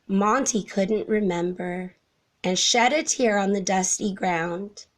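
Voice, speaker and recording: A woman with a mid-range voice reads a children's story aloud, narrating expressively and taking her time.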